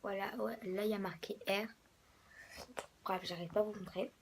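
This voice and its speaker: Young female vlogger, hoarse from a cold, loose rambling delivery with frequent whispered asides, light noise floor. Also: mid-range voice, fairly even intonation, normal speed. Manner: rambling, many fillers, drops to whispers. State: hoarse, a bit sick. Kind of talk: casual sneaker show-and-tell.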